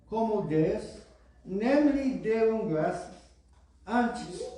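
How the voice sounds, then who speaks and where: In a church hall, a pastor who is an English-speaking foreigner preaches in accented Portuguese, reading scripture slowly and deliberately and restarting now and then. His voice is high and warm, captured from far off in the roomy hall.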